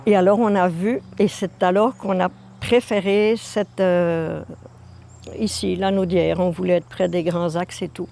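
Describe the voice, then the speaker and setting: A woman's voice: lowish voice, unhurried, gravelly. Older woman telling her story. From Belgium. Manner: lively storytelling, repeating herself for emphasis. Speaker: interviewee. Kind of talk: documentary testimony.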